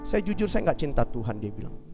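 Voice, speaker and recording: Male pastor, high tenor, vivid storytelling sermon style, faint worship band behind. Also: quick pace, big-room sound. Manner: animated storyteller, acting out the people he quotes; fervent exhorting over worship music at the close. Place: church service.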